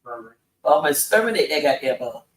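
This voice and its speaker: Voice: medium pitch, sing-song, brisk, crowd noise, rough recording. A guest in a casual group chat, speaking earnestly and agreeing with the others. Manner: earnest, agreeing, advice-giving.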